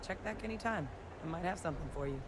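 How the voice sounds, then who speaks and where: A woman's voice: lowish voice, animated, fast, close to an everyday voice. Woman acting a friendly crew scientist, noisy background. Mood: friendly, reflective. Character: friendly, helpful crew member, a former field scientist. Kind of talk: video game character dialogue.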